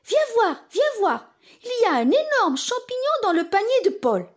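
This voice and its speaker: An encouraging storybook mother, acted out by a woman reading, exclaiming and coaxing as if to a toddler. The voice leaps very high and swoops with excitement. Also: moderate pace. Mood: excited.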